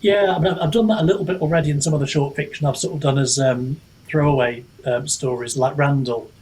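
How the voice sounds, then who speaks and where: In this low-quality recording with a little hiss or hum, a man talks quickly in a fairly high, fairly even voice with a darkish tone. He's an author being interviewed on a casual, reflective podcast, hesitant and self-deprecating, and his thoughts tend to drift mid-sentence.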